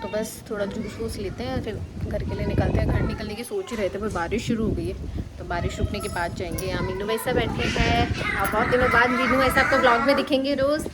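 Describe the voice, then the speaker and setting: A young woman narrating her day in a casual home vlog, chatty and rambling with quick asides, recorded on a handheld phone in a village house. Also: mid-range voice, fairly even intonation, heavy background noise. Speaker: vlogger.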